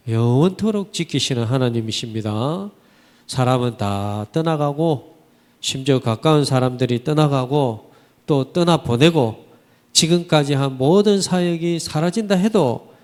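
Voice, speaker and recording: A man preaching a Sunday sermon, asking his congregation rhetorical questions and using vivid everyday expressions. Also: mid-range voice. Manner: animated, vivid colloquial storytelling. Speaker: pastor. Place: church sanctuary. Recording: church hall reverb.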